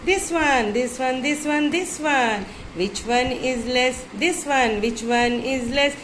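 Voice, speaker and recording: High-pitched Indian woman teaching like a party magician. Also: slow pace, a little hiss or hum. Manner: animated, repetitive, sing-song like a kids' party magician. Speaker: primary school maths teacher. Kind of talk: children's lesson with playful chanting.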